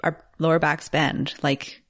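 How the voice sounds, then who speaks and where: A woman's voice: deep voice, level tone, unhurried. A woman co-hosting a yoga podcast, describing postures in a chatty casual way, full of "like". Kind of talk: casual teaching chat.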